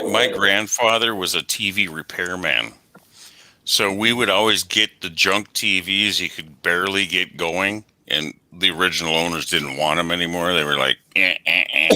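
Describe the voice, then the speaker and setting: A man's voice: deep voice, moderate pace, sharp tone, dry recording, rough recording. A man with a lisp chatting casually on a talk show, rambling and often correcting himself. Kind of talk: casual chat.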